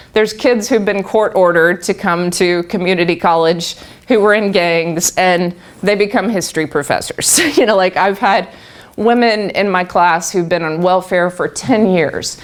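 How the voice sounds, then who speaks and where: A middle-aged Texan woman, appearing as a guest speaker, tells a live group her personal story. Her voice is lowish and measured in pace, and she laughs often and restarts her sentences.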